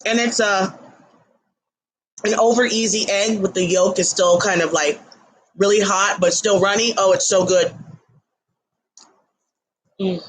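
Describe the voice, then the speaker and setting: A woman hosting a casual livestream from her home kitchen, chatting to viewers between bites, talking loudly toward a laptop mic across the room. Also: medium pitch, fairly even intonation, a little slow, long pauses, breathy edge, poor audio. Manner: chatty, eats while talking; talks loudly to carry to the laptop. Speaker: livestream host.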